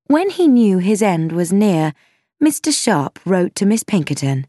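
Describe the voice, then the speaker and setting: Woman narrator, unhurried and clear, expressive rise and fall, dry close sound. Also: mid-range voice, no echo. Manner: slow, clear, expressive storytelling. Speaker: audiobook narrator. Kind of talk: scripted narration of a simplified classic novel.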